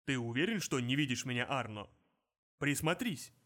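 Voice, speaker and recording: A disembodied voice speaks from empty air, belonging to a huge aging bodyguard who stays unseen. A male audiobook narrator puts it on, dropping lower than his narration and slowing to a deliberate, coldly threatening pace. The pitch sits in a middle male range. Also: lively intonation, sharp tone. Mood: taunting. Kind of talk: audiobook character voice.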